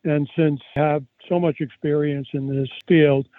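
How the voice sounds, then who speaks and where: Higher-voiced older man, muffled dry recording. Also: level tone, moderate pace, no echo. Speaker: psychiatrist and author, interview guest. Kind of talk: conversational interview answers with anecdotes.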